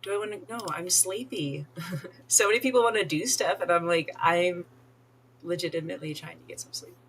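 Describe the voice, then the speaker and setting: A woman's voice: lowish voice, normal speed, fairly bright tone, a little hiss or hum. A woman streaming a life-sim game, chatting casually, giggling and talking to the characters on screen. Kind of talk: casual gameplay commentary.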